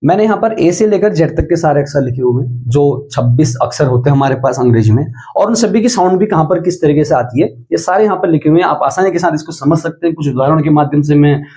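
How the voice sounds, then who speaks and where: Male teacher, slightly high pitch, mellow tone, patient step-by-step explainer. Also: animated, quick pace, hardly any pauses. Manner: patient, spells words out letter by letter. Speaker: English pronunciation teacher. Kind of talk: explanatory lesson in Hindi.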